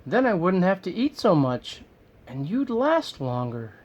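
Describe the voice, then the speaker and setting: A man's voice: high-pitched, very animated, a little slow, highs cut off, exaggerated voice. A man voicing a scrawny, greedy, grumbling lion while reading a storybook to a young child. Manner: grumbly, self-pitying.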